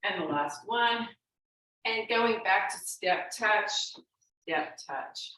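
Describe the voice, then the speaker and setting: A woman's voice: medium pitch, slow, pushed and bright. A woman leading an exercise class as an instructor, cueing and counting moves in an encouraging, unforced way. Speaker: fitness instructor. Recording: very echoey room, distant microphone.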